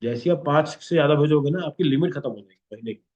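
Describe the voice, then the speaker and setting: A man's voice: fairly high pitch, fast, a little mellow. Man teaching a class, dull lo-fi sound. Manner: instructive, repeats 'okay?' constantly. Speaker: instructor. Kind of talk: classroom lesson.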